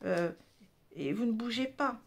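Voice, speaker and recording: A woman's voice: on the high side, animated, measured pace. A woman with a French accent giving a casual tarot reading, chatty, with many restarts and tag words. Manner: chatty, frequent "hein" and restarts. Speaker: tarot card reader.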